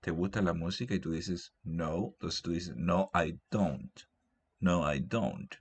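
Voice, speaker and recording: Slow, deep-voiced man teaching English. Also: husky. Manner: patient, repeats example sentences slowly. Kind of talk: grammar lesson explained in Spanish.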